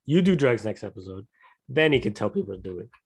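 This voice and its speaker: A man's voice: fairly low pitch, big pitch swings, fast talker, vocal fry, husky. Easygoing young man with wry humor. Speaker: podcast co-host. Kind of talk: casual chat.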